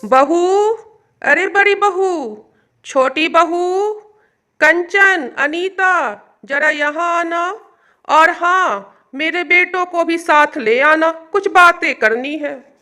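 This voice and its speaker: A woman's voice: extremely high pitch, extremely slow, bright, forceful tone, heavily acted. A weary old mother-in-law, stern and sad. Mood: calling. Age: older. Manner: sighing, scolding.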